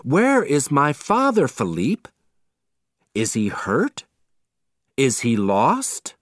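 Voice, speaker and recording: A storybook reader voicing a gentle, brave young woman heroine in a slow, careful reading voice. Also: mid-range voice, huge pitch swings, no echo, studio quality, voice pushed up, heavily acted. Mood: pleading.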